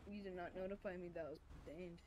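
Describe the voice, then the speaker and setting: Man putting on a high-pitched, stubborn old man. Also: fairly even intonation, fast, a little mellow, lightly acted, rough recording. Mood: confused, nagging. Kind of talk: improvised game role-play.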